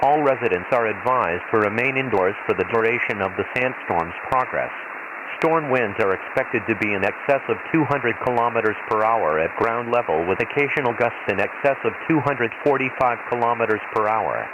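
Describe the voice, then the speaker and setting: A man voices an impersonal imperial weather announcer on a desert planet, reading a scripted emergency hazard bulletin in a formal, measured way like automated weather radio. His mid-range voice is muffled and run through a radio filter, with hissy, noisy shortwave-style transmission.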